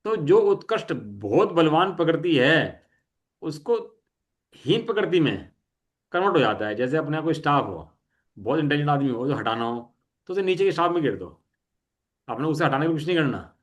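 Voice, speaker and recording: Man teaching a class, slow and deliberate. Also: a little high, very animated. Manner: slow, deliberate reading of definitions, checks understanding. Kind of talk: classroom teaching with questions to students.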